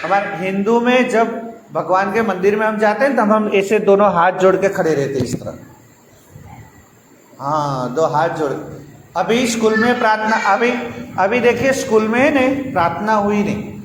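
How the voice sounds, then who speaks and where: A woman's voice: mid-range voice, moderate pace. A woman teaching young children in a classroom, patient and coaxing, repeating words and asking questions. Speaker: primary school teacher. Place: large school classroom. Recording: roomy echoey classroom, loud noise. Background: children's chatter.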